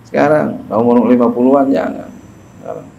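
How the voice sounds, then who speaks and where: A man's voice: medium pitch, fairly quick, creaky, warm tone, dull audio. A middle-aged man giving a casual religious lecture, speaking colloquially, repeating phrases and chuckling through his stories. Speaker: Islamic preacher teaching a classical book.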